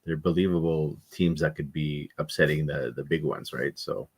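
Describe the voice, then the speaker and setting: A man's voice: very deep voice, steady tone, normal speed, a little mellow, slightly rough. A man co-hosting a casual sports talk stream, thinking aloud with many hedges and restarts. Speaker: podcast co-host.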